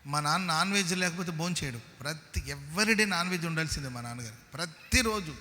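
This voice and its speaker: A man, a pastor, preaching a sermon emphatically, calling on the congregation to respond aloud and acting out everyday scenes. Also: fairly high pitch. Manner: acts out family scenes in softer, quieter voices. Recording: long reverb of a large hall.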